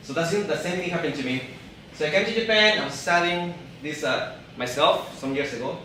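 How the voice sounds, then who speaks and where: Speaking far from the mic in a big event hall that echoes his voice, a thirty-something Peruvian man gives a live talk in Spanish-accented English. His voice is a little high, bright and forceful, with a little hiss or hum. Halting, he keeps stumbling, repeating and restarting words, and laughs with the audience.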